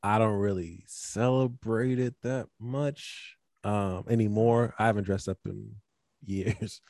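A man's voice: on the low side, steady tone, slow, darkish tone, dry recording, clean studio sound. A young man hosting a podcast in casual chat, laid-back with lots of fillers, over a video call. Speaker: podcast host.

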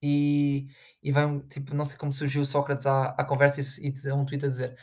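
A man's voice: mid-range voice, monotone, fairly quick, a little mellow. Sarcastic young Portuguese man ranting. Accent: European Portuguese. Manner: sarcastic, with big jumps into mocking voices; rambling, full of fillers. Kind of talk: casual rant to camera.

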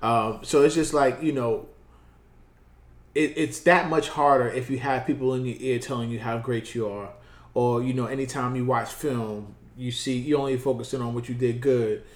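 A man co-hosting a casual basketball podcast, giving earnest advice in relaxed slang. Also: mid-range voice, moderate pace. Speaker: podcast co-host. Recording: roomy echo.

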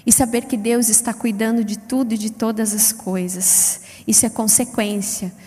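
A middle-aged woman preaches in a high voice, lively and chatty, swinging between loud peaks and soft asides. Long reverb from the church hall trails every phrase. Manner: lively, chatty, wide swings in pitch and loudness; self-described fast-paced. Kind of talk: sermon.

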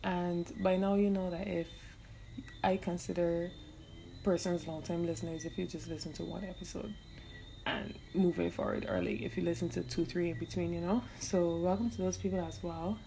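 A woman's voice: on the low side, steady tone, normal speed, gravelly, dark tone, a little hiss or hum. A young woman from Barbados with a Bajan accent, hosting her solo podcast in loose, profane, laughing casual chat. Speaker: podcast host.

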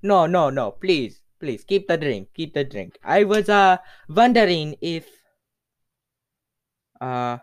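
A man voicing a desperate young hero, pleading high. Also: sing-song, takes it slowly. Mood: eager. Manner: pleading, raised and strained.

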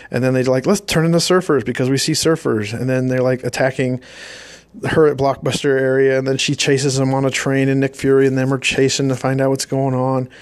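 A man's voice: mid-range voice, no echo. Sarcastic man recapping a movie. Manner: sarcastic, mocking. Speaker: movie reviewer. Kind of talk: casual rambling movie recap.

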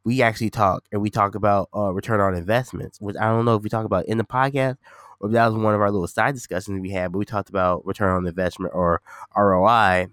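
A man's voice: on the low side, fairly even intonation, fast talker, fairly bright tone, dry recording, studio quality. A man hosting a casual solo podcast, rambling informally and repeating himself, sounding nasal and a bit congested from being sick. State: slightly sick with a stuffy nose. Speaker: podcast host and gaming streamer.

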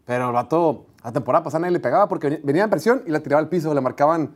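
A man with a Mexican accent chatting about football as a co-host, slangy and relaxed. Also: on the high side. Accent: Mexican Spanish. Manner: very fast, slangy co-host banter. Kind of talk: casual sports chat.

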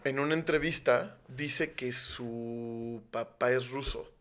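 A man's voice: mid-range voice, slow pace, a bit bright. A man with a Mexican accent co-hosting a podcast in casual, slangy, joking chat. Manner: slangy, joking, steering toward context. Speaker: podcast co-host.

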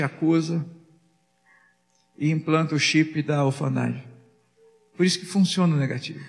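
A man's voice: fairly high pitch, in a large hall. A man preaching as a pastor, asking the congregation rhetorical questions and acting out little dialogues. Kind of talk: sermon.

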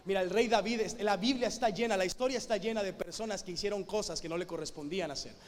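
A man's voice: sits high, fast, a little hiss or hum. Guy preaching in church, lots of rhetorical questions, long echo off the hall. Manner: emphatic, full of rhetorical questions. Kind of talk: sermon. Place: church hall with a live band.

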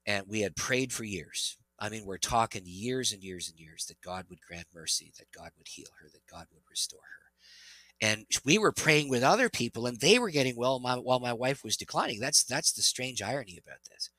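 A middle-aged man, a pastor and interview guest, telling an earnest, animated testimony. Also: mid-range voice, brisk, few pauses, no room sound, low-quality recording. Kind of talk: interview storytelling.

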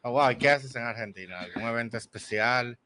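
A man's voice: medium pitch, fairly quick, sharp tone, a little hiss or hum. A man hosting a casual online interview, chatty, with many fillers and English words mixed in. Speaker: podcast host.

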